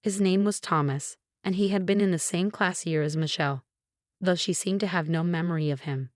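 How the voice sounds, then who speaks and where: A woman narrating a first-person drama story in a steady, measured reading voice. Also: lowish voice, no echo, studio quality. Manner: even, measured reading of all characters in one voice.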